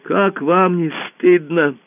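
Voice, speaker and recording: A man's voice: fairly high pitch, steady tone, slow pace, no room sound, pitched above the performer's own voice. A man voicing a bold, honest young girl who asks earnest questions and reproaches the grown-ups. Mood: reproachful. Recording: tinny phone-like radio audio.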